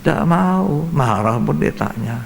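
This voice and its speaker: A man's voice: medium pitch, animated, slow, gravelly, background noise. An older man preaching a Bible study sermon as pastor, emphatic and repetitive, acting out scenes, in a reverberant church hall.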